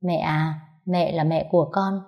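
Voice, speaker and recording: A woman voicing a patient young daughter-in-law who coaxes her sick mother-in-law softly. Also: sits low, fairly even intonation, unhurried, dull audio. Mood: coaxing. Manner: soft, coaxing, pleading.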